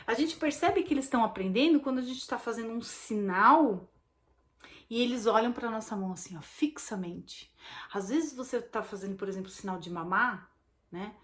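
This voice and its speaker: A chatty Brazilian woman with a high voice walks her students through a casual recorded lesson. She keeps checking in with quick tag questions as she explains. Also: a bit bright. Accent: Brazilian Portuguese. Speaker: baby sign language course instructor.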